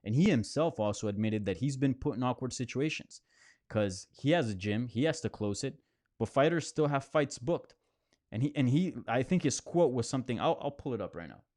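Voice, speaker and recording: This man hosts a live question-and-answer session from his apartment near a hospital, chatting loosely with viewers and constantly restarting and using fillers. He speaks briskly in a mid-range voice with lively intonation and a darkish tone, recorded dry at studio quality.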